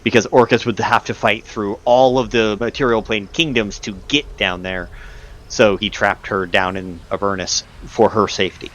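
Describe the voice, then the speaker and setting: A man running a tabletop game as game master, improvising narration and pausing to search for words. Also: on the low side, fairly even intonation, a bit bright, low-quality recording. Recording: clear background noise.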